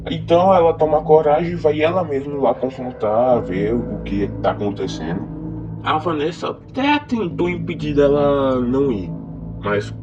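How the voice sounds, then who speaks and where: A man's voice: on the high side, animated, normal speed. A man with his voice run through a voice changer, telling a film's plot in a loose, chatty way with lots of fillers. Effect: voice changer disguising his real voice. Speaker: movie recap narrator. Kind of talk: casual film plot summary. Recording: muffled, dull voice-changer audio. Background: background music.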